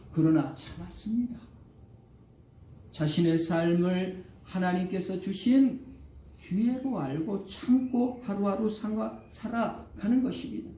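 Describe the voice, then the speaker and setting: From a distant mic in a roomy, echoing church sanctuary, a male pastor preaches with dramatic swings, acting out the lines of people in his story. His voice sits high with a dark tone, and there's slight background noise.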